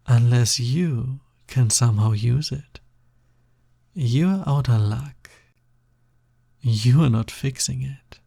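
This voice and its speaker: In an intimate audio roleplay, a man plays a flirty, pushy snake demon roommate, smug and insistent. His mid-range voice is slow, mellow and exaggerated with a gravelly creak at the edges, teasing and coaxing in a casual, breathy way. The recording is dry and clean, with a studio sound.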